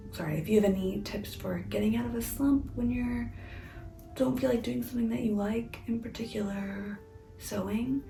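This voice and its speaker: A woman's voice: mid-range voice, vocal fry, dark tone, roomy sound, rough recording. A woman vlogger chatting casually at home, half-whispering and rambling about her crafting. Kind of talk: casual chat. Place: home, indoors.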